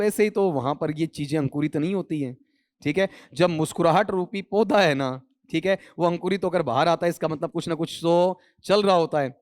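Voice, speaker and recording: A man with a fairly high voice lectures a room of students. He fires questions at the class and answers them himself. The sound is close and dry. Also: no room sound. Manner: mixes English grammar terms into his Hindi. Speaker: English teacher.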